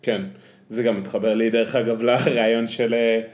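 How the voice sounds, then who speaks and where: A man with an Israeli accent in casual conversation, halting and reflective as he searches for his words. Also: mid-range voice, little pitch movement, darkish tone. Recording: echoey, roomy sound.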